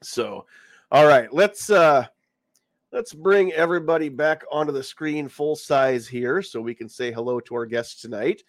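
A man with a fairly high pitch speaks at a measured pace on a dry recording. As host of a casual live-stream podcast, he's congested from a cold he's recovering from and has a lozenge in his mouth.

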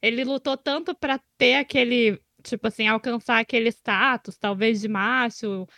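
A woman's voice: on the high side, fairly even intonation, normal speed, bright, forceful tone, no echo, studio quality. A woman with a Brazilian accent hosting a casual podcast chat. She is chatty and often tags her phrases with questions. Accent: Brazilian Portuguese. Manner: chatty, often ending with "né?" and "sabe?". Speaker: podcast host.

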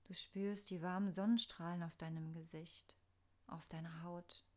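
A woman narrating a scripted guided meditation in a soft, soothing, unhurried manner with pauses. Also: fairly low pitch, steady tone.

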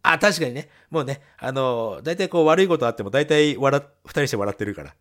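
A man's voice: medium pitch, a little fast. Guy chatting on a podcast, voice goes up and down a lot, laughs constantly. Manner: laughs often, animated storytelling. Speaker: podcast co-host. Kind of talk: casual chat.

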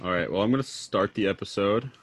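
A young man hosting a casual podcast, reading his intro in an upbeat, relaxed way. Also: fairly low pitch, quick pace, a little hiss or hum. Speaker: podcast host.

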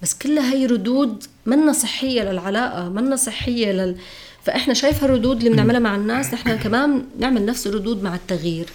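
Quick-talking Levantine Arabic woman. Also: fairly high pitch, darkish tone. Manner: reflective, acts out quoted voices. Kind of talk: casual conversation.

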